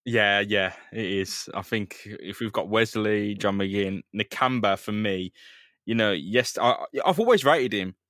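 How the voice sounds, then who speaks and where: A man's voice: lowish voice, a little slow, fairly bright tone, dry recording, studio quality. A man co-hosting a football podcast, chatting casually and teasing his co-hosts. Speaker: podcast co-host.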